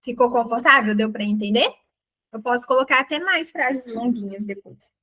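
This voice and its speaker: A woman teaching an English grammar lesson in Portuguese, chatty and often checking that the learner follows. She slows right down to say each example sentence carefully. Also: on the high side, sharp tone.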